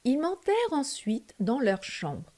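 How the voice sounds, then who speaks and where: Slow, high-voiced woman reading a fairy tale. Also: wildly swooping pitch, darkish tone. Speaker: narrator. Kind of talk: storybook reading for children.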